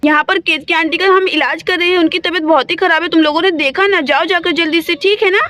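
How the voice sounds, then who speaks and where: A woman's voice: extremely high pitch, fairly even intonation, fast, sharp tone. Woman voicing a caring elder sister in charge. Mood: reassuring. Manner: reassuring and directing.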